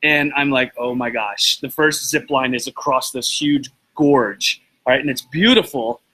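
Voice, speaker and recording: Excitable man with a bright voice. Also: mid-range voice, measured pace, husky, poor audio. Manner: excitable, rambling, greets viewers by name mid-story. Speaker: host of a live video show. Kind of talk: casual motivational talk to live viewers.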